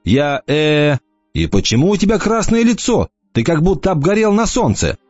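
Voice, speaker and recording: A man's voice: a little high, big pitch swings, moderate pace, a little mellow, no echo, faint music behind, pitched above the performer's own voice. A man voicing a worried, earnest middle-aged father who sounds anxious. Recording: dull lo-fi dry recording.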